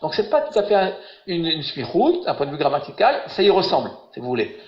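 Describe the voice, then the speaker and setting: A man's voice: on the high side, very animated, a little fast, reverberant, highs cut off. A man teaching a biblical Hebrew grammar lesson online, patient and encouraging, asking his students questions. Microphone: webinar call audio.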